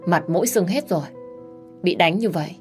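A man's voice: high voice, expressive, normal speed, soft background music. A woman voicing a protective young man, urgent and commanding as he shields his hurt lover. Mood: angry, commanding.

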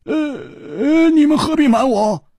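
A man's voice: extremely high pitch, very animated, a little slow, gravelly, no echo, clean studio sound, pitched above the performer's own voice, heavily acted. A man voicing a brash, carefree young swordsman who blusters and stammers. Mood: defiant. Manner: loud, boisterous, stammering fillers. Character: brash carefree young male swordsman, poisoned yet joking.

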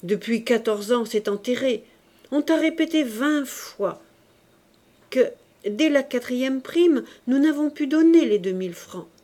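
A fierce, ambitious mother who pushes hard and flares up, as a woman narrator reads her. Her voice climbs high and loud yet stays mellow in tone. She sounds ready for anything. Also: expressive, unhurried. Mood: impatient. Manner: sharp, forceful outbursts. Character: fierce, ambitious bourgeois mother, furious and determined.

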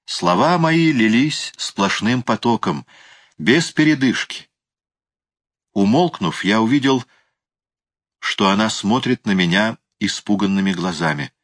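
Low-voiced man reading a novel aloud. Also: measured pace. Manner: emotive, expressive reading. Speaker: audiobook reader. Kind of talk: dramatic first-person audiobook narration.

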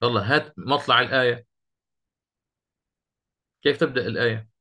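A man's voice: medium pitch, bright, forceful tone. Man teaching Quranic readings, quizzing students. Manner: explains step by step, quizzes students, recites verses slowly. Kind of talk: interactive lesson on Quranic readings.

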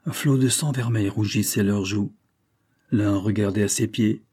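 Brief: male narrator, low dark voice, slightly husky, calm measured audiobook reading. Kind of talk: scripted narration of a novel.

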